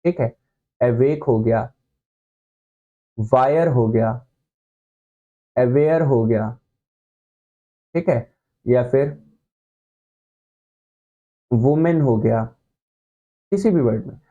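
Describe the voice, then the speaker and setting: A man's voice: mid-range voice, very slow, pauses often, warm tone, lo-fi sound. A man teaching an online shorthand lesson, explaining with playful comparisons and checking in with the class again and again.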